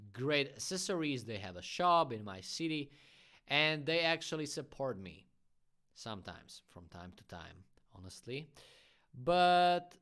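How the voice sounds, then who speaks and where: Speaking at medium pitch with a fairly bright tone, this man runs a relaxed livestream Q&A about his graffiti art. English is his second language, and he's chatty and frank, sharing opinions alongside friendly asides.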